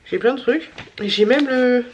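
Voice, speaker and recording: A woman's voice: a little high, normal speed, a little mellow, dull audio, a little hiss or hum. A tired woman vlogger with a stuffy, nasal voice, chatting casually through a shopping haul with many fillers and repeated words.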